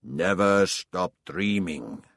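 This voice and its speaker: In an audiobook, a wise and mysterious old king, voiced by a man speaks slowly and solemnly. The voice sits very deep and swings widely in pitch. The recording is close and dry. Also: lively intonation, creaky, fairly bright tone, no room sound, full character voice.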